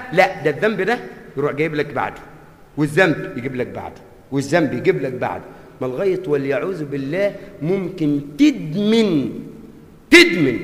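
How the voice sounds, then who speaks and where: A man's voice: high-pitched, a bit bright. A man preaching a Friday sermon with an Egyptian accent, impassioned and repeating phrases for emphasis, in a mosque. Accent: Egyptian Arabic. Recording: long hall reverb.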